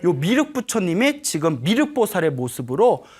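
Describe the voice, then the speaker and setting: A male Buddhist monk preaching to an audience, his pitch swinging widely as he tells a story and acts out its voices. His delivery is playful and humorous, with sudden shifts between loud and soft speech, and he keeps checking in with his listeners. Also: sing-song, normal speed, breathy edge. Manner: storytelling with acted quotes, frequent "예?" to the audience. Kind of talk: Dharma talk to an audience.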